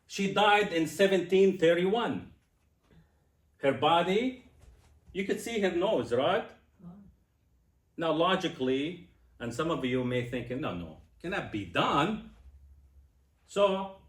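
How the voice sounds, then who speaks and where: Lively, slow-spoken man in his sixties. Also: a little high, reverberant. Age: 60s. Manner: animated, questioning the audience. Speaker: speaker. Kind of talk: personal testimony speech.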